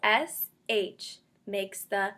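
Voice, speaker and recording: Playing an elementary school teacher, a woman leads young children through a read-aloud phonics lesson, asking questions, repeating, and slowly stretching out and sounding out words with care. Her voice is medium-pitched and bright, with a forceful tone.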